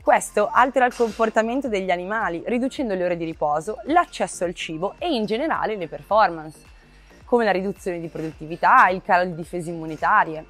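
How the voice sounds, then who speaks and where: A young woman in her twenties, a marketing manager, giving a clear, measured scripted explainer to camera outdoors by a cow barn on a lapel mic. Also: medium pitch, lively intonation, a bit bright, faint music behind. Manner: clear, measured, informative delivery. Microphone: lapel mic, medium framing.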